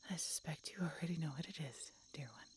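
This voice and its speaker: A woman gives a low, breathy voice to a wounded she-dragon in a dramatic audio roleplay directed at the listener, sounding natural. The dragon is centuries old, mortally hurt, tender and resigned, weak and in pain. Her whispery speech is halting and weakened, punctuated by dramatic pauses, in a grave, pained mood.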